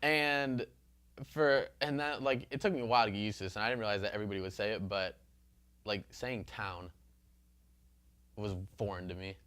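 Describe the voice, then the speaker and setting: A young man from Ohio co-hosting a casual chat, rambling with lots of fillers and getting riled up and loud. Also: fairly low pitch, fairly even intonation, normal speed, pauses often, clean tone. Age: young adult. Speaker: co-host.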